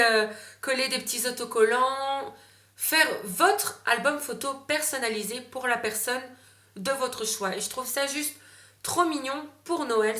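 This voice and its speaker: Chatty woman with a bright voice. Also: fairly high pitch, reverberant. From Belgium. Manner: chatty, many fillers and self-corrections. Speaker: beauty vlogger. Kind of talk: casual gift-ideas vlog.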